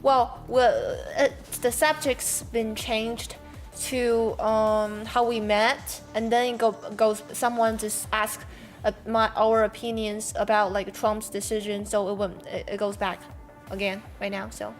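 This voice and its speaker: A woman streamer chatting in a fairly high voice, very slow and unhurried. She pauses often and gropes for words. Faint music sits in the background. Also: little pitch movement. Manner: hesitant, searching for words. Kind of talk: casual chat.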